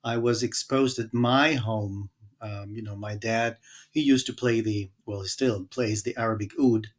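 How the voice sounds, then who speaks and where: A man from Germany, a guest musician, telling his story in a relaxed, hesitant way with many fillers. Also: lowish voice, unhurried. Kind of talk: casual interview storytelling.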